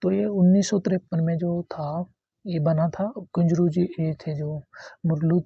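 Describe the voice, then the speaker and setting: Gravelly-voiced man teaching a history lesson. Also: a little high, flat delivery, measured pace, no room sound, muffled recording. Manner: repetitive, explanatory, conversational. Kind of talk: exam-prep history lesson.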